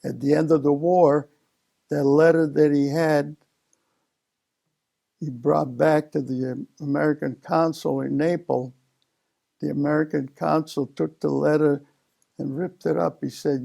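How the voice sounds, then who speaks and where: A man in his seventies, from Italy, telling his life story slowly in an oral history interview, with many pauses and fillers. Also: a little high, little pitch movement, gravelly, warm tone. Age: 70s. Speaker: interview guest.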